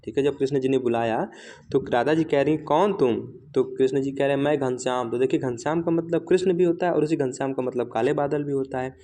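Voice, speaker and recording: A male teacher giving a fast exam revision lecture, asking questions and answering them himself, often checking with "right?", and slowing down to recite example lines. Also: medium pitch, dark tone.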